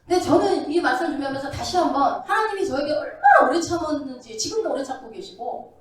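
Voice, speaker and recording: A woman's voice: high voice, big pitch swings, fast talker, a little hiss or hum. A woman pastor preaching a sermon in a church, asking the congregation questions. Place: church sanctuary. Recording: very echoey, distant from the mic.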